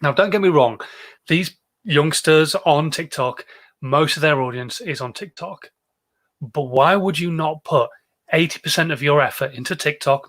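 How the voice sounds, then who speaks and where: A man's voice: a little high, a bit bright. A British man giving casual livestream advice as a social media coach, emphatic, with repeated phrases and rhetorical questions.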